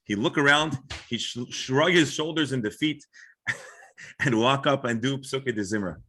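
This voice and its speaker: In an informal class discussion on religion, a rabbi from Florida with an American accent explains points at a normal speed. His medium-pitched voice has a fairly bright tone, and he frequently backs up to restart or qualify sentences.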